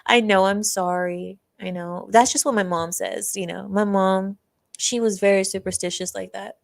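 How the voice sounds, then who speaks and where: Speaking at a moderate pace in a creaky, mid-range voice with fairly even intonation, a young livestream host recounts a personal story. She's chatty and laughs often, reads out comments from chat, and acts out the classmates she quotes.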